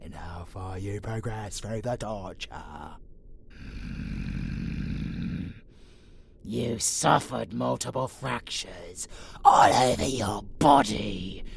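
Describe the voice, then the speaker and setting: Menacing yet intimate, a man's heavily acted vampire abomination growls through a villain monologue in a monster audio roleplay. His mid-range, gravelly voice taunts theatrically and with plenty of profanity, jumping from whispers to shouts as a sadistic predator who is grudgingly fond of his prey. There's slight background noise.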